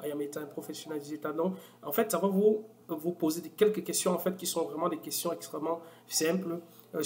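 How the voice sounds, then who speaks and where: A man walking viewers through a software tool in a casual screen-recorded tutorial, with many fillers and restarts. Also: a little high. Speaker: software demo presenter.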